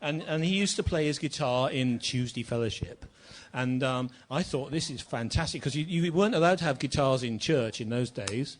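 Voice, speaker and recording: A man's voice: medium pitch, moderate pace, hardly any pauses. An older male musician recounting his early days in a band, rambling and anecdotal. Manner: rambling, storytelling. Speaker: guest musician. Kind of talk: anecdotal storytelling on stage.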